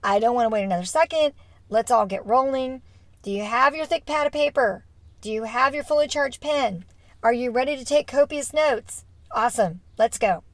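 A woman hosting a podcast in an upbeat, emphatic presenting style, her allergy-affected voice slightly rough with vocal fry. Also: fairly high pitch, no room sound. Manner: enthusiastic, emphatic, drawn-out stresses. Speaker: podcast host.

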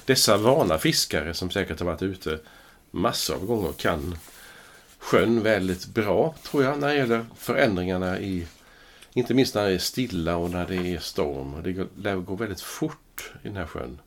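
Man, low voice, priest, podcast host, measured scripture reading, thoughtful casual discussion. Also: animated, a little hiss or hum. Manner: slow, measured reading, then thoughtful musing.

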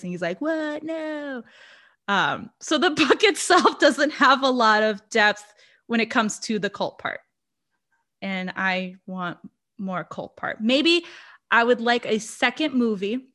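A Brazilian woman whose first language is Portuguese co-hosts a podcast, chatting casually about a horror movie with plenty of fillers and laughter. Her voice sits at a medium pitch and sounds a bit bright.

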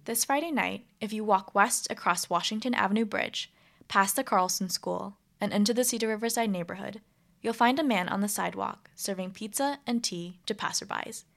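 A woman narrating a student news report in a clear, measured scripted delivery. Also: mid-range voice, a bit bright.

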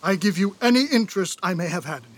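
For an audio drama, a male actor plays a remorseful royal brother in an earnest, pleading stage delivery. His voice is high, expressive and fast.

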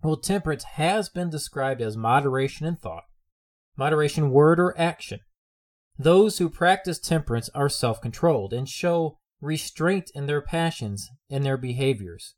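A man's voice: on the high side, expressive, normal speed. A man preaching a sermon in an earnest way, often repeating his phrases for emphasis.

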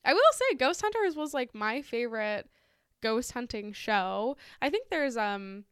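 A woman with a fairly high, clean voice hosts a casual chat while reading ghost stories. She is informal and giggly, and the sound is close and dry. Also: animated, a little slow, fairly bright tone, clear, resonant tone, no room sound. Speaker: podcast host.

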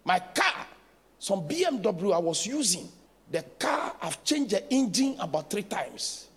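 Gravelly high-voiced bishop preaching. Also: male voice, very animated, unhurried. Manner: storytelling with laughs and call-outs to the congregation. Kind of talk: sermon. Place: large church hall. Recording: long church reverb, faint music.

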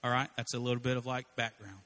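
A man's voice: medium pitch, fairly even intonation, quick pace, bright, forceful tone. A man preaching a sermon, telling a story in a conversational way with frequent asides to the congregation. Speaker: pastor.

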